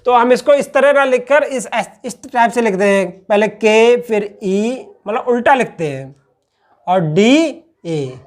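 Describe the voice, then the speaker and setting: A man's voice: very high-pitched, animated, unhurried. Patient male teacher, repeats key points. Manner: repeats "ठीक है" after each point; asks questions to the class, then answers them. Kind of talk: classroom-style lecture.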